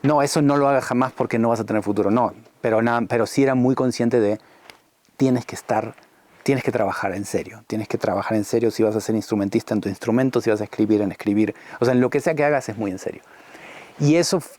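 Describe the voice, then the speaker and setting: A man's voice: mid-range voice, a little mellow, no room sound. A man from Argentina, a guest musician, talking at length in a casual, rambling way with lots of restarts and slang. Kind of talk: conversational interview.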